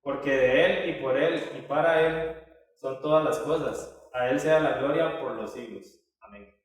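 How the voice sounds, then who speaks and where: A man's voice: medium pitch, a little slow. A man teaching a Bible study lesson in a conversational way, with many filler tags and restarts. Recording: echoey hall from far off.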